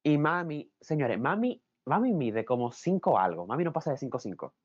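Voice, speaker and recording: A man's voice: a little high, moderate pace, slightly rough, no echo, muffled recording. A young man telling a story in casual chat. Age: young adult. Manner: animated storyteller, acts out quotes.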